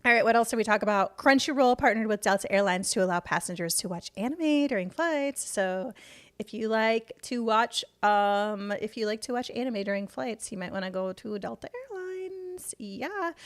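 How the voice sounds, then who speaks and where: A woman streamer reacting to the day's news in casual chat, rambling and swearing heavily whenever she gets passionate. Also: fairly high pitch. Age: adult parent. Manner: rambling, heavy swearing, fired-up rants.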